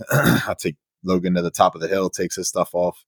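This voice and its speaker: Guy in his 30s, really low voice, laid back storytelling, dry close sound. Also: normal speed, husky, no echo. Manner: relaxed storytelling, fillers, laughs. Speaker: podcast host. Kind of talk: casual conversational interview.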